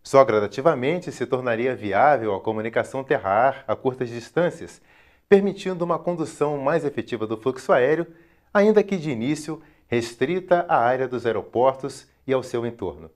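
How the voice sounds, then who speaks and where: A man with a Brazilian accent reading scripted educational documentary narration in a formal, measured, carefully enunciated way. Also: medium pitch, expressive, darkish tone.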